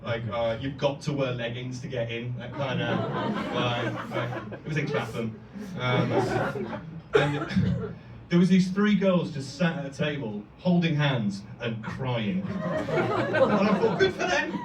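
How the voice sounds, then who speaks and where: A man's voice: medium pitch, measured pace, distant mic, a loud crowd. A young man performing a stand-up comedy set, talking conversationally with crude language and acting out quoted voices. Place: comedy club, live audience. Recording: roomy live club sound from off-mic. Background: loud audience laughter and noise.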